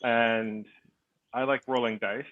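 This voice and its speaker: A man's voice: mid-range voice, little pitch movement, takes it slowly, a bit bright, no echo, highs cut off. A man playing a tabletop game, casual and playful in the way he talks. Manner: joking, playful. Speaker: player.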